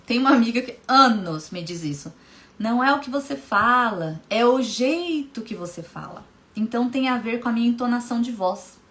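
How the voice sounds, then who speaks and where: A woman hypnotherapist with a slightly high, somewhat bright voice hosts a casual motivational live stream. She speaks emphatically, repeats key phrases, and greets viewers directly by name.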